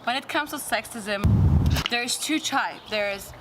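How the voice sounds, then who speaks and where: A woman's voice: takes it slowly, loud music behind the voice. A woman hosting an informal explainer vlog, talking in simple phrases with examples. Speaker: video host. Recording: very noisy, rumbling background noise. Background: loud steady ambient noise.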